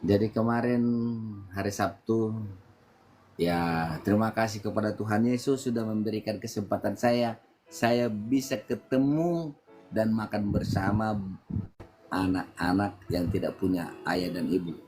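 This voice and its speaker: A middle-aged man from Medan with a Medan accent, telling his testimony in a casual interview, his voice jumping up when excited. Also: fairly low pitch, unhurried, faint music behind. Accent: Medan Indonesian. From Medan, Indonesia. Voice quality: animated storyteller, voice jumps up when excited. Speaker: guest giving testimony.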